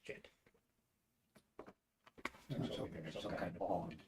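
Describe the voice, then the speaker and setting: A man's voice: slow, darkish tone, slight background noise. A man playing a tabletop game, calling out rolls casually. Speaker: player.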